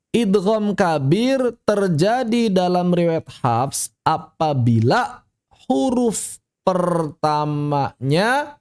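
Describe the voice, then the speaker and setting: Patient higher-pitched male tajwid teacher. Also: darkish tone. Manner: explains patiently, repeating rules and reciting examples. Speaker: Quran recitation teacher. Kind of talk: online tajwid class. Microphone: online class audio.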